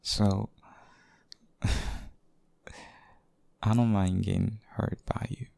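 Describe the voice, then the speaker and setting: A devoted boyfriend, acted by a man, speaks in an intimate ASMR role-play, hushed and halting. His low voice stays in a narrow, even range. It is tender and a little possessive, recorded very dry and close. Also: gravelly, no echo, heavily acted. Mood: earnest, devoted. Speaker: audio role-play performer.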